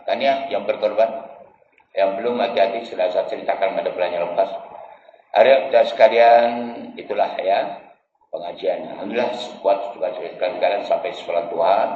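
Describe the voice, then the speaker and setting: Male preacher, lively storytelling, roomy echoey hall, muffled recording. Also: sits low, moderate pace, slight background noise. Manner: animated storytelling preacher, shifts between hushed and loud exclamations. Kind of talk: dawn mosque lecture. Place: prayer hall.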